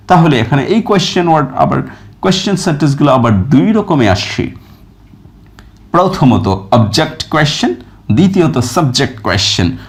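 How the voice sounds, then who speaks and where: Man, teacher, lively rising and falling pitch, slow stressed example sentences, patient explaining. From Bangladesh. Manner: reads English examples slowly and with stress, then glosses them. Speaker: English teacher. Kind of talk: explaining grammar in a recorded lesson.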